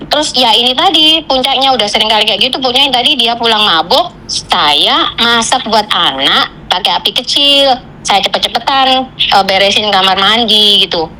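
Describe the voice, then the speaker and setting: Woman caller, high and bright, rushed venting. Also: poor audio. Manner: venting, tells a story in rushed fragments with Javanese fillers. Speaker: caller, migrant domestic worker. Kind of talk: casual chat.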